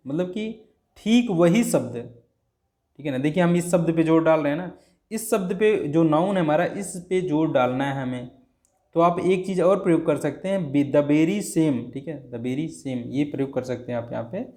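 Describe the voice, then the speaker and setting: A man's voice: fairly high pitch, warm tone. A male teacher giving a grammar lesson, explaining step by step and often checking with his students.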